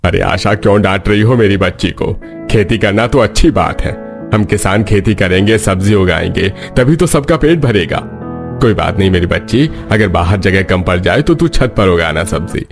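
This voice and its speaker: A kind older farmer in a cartoon, gently reassuring his daughter in a low voice. Faint guitar music plays behind him. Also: animated, moderate pace. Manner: warm, reassuring. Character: kindly older farmer father, protective. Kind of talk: cartoon voice acting.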